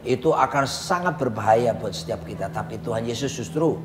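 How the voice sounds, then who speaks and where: A male pastor with a mid-range, expressive voice preaches a little fast and emphatically in a conversational sermon alongside his co-host, echoing his partner's phrases. They're in a coffee lounge, and the recording has roomy reverb and a faint hum behind it.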